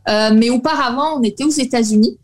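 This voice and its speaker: A French woman in her forties answering podcast interview questions, pausing often with fillers. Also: a little high. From France. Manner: hesitant, many fillers. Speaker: guest.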